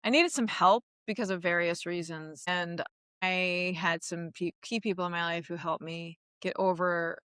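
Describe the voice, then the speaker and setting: A woman comedian from Queens talks in a lively, chatty way, acting out other people's voices as she goes. Her voice is bright and forward. The sound is close and dry, with no room around it. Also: fairly low pitch, moderate pace, smooth, no echo. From Queens, New York. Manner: animated, laughing, acts out quoted voices. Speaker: comedian guest. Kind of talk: casual interview chat.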